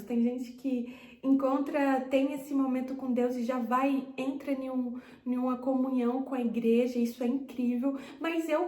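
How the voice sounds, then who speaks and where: A woman's voice: sits high, darkish tone. A Brazilian woman with a Brazilian Portuguese accent giving an earnest, heartfelt personal faith testimony. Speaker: faith vlogger. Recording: roomy echo.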